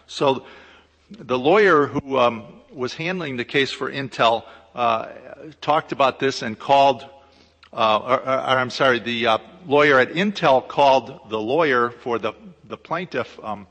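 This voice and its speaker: A man's voice: mid-range voice, a bit bright. Hesitant man lecturing in echoey hall. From United States. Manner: hesitant, explanatory, with frequent pauses. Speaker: law lecturer speaking at a conference. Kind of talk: conference presentation. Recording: echoey hall with long reverb.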